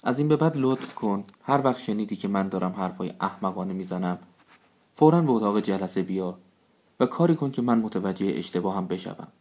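مردی در نقش رئیس شورای نادان و خودپسند. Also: male voice, lowish voice, expressive, darkish tone. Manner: self-satisfied, proclaiming. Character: foolish pompous male village council head. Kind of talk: storybook reading.

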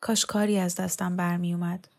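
A woman reading the part of a young daughter who gently and anxiously speaks to her mother. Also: fairly low pitch, little pitch movement, creaky. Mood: worried. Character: worried teenage daughter caring for her mother.

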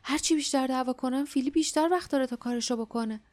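A woman's voice: high-pitched, lightly acted. A woman voicing a fierce young girl who speaks urgently. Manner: urgent, hushed.

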